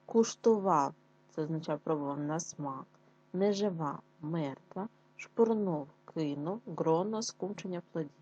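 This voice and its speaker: Woman teacher, reading lesson, warm mellow voice, slow careful words. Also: deep voice, slightly rough, muffled recording. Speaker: primary school teacher.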